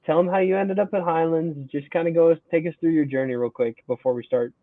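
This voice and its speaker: Fairly high-pitched and a little fast, this young adult runs a college sports podcast, starting with an upbeat, energetic intro and then settling into relaxed, casual talk. The recording is dry, with no echo, over a tinny phone-like line.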